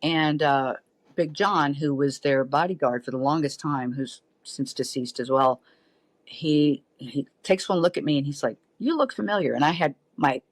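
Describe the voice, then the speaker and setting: A woman's voice: low-pitched, measured pace, dry recording. A middle-aged woman, a podcast guest telling a story in casual chat and acting out the voices of the people she quotes. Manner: lively, animated storyteller who acts out quoted voices.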